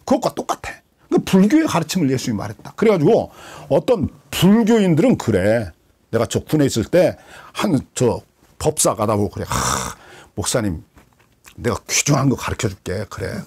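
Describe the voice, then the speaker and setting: A husky man, a pastor teaching the Bible in a sermon, who asks rhetorical questions and answers them himself. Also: mid-range voice, darkish tone.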